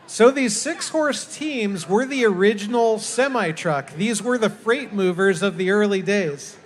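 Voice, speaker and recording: A man with a strikingly high voice hosts a live parade. He addresses the crowd in a folksy announcing style. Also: a little slow. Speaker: parade announcer, master of ceremonies.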